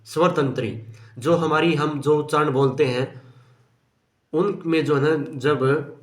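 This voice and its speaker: A man teaching grammar, who slows down to repeat key terms and answers his own questions. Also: fairly high pitch, roomy sound. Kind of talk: explaining grammar lesson.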